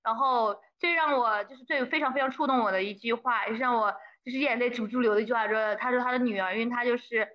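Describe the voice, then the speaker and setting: In a lo-fi, dull-sounding recording, a young adult woman with a somewhat high, steady voice tells her story fast and enthusiastically as a casual interview guest, mixing in English phrases along the way.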